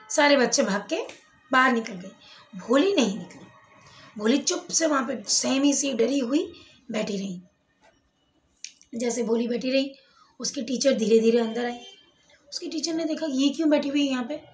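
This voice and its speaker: A woman with a high voice explains a literature lesson as a story. She slips between Hindi and English and speaks the characters' words gently. Her voice rings in an echoey room. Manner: retells the story in Hindi mixed with English, voicing characters' lines softly.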